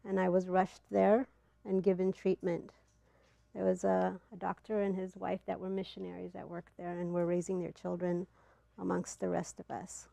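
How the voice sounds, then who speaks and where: A middle-aged woman from Ethiopia telling a personal story to a live audience, earnest and halting, with pauses and fillers, on a clip-on mic. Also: medium pitch, creaky, mellow, dry recording. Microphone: clip-on mic, not in front of the face.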